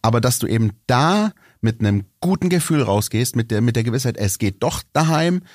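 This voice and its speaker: A man's voice: medium pitch, expressive, fairly quick, a little mellow, no echo, clean studio sound. A man hosting a casual football podcast, thinking aloud and hesitant, with frequent fillers and restarts. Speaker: podcast host.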